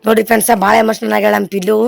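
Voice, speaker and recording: A woman's voice: medium pitch, flat delivery, rapid-fire, gravelly. A mother, hosting a family vlog at home, coaxing and comforting and talking to viewers as friends. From Maharashtra border region.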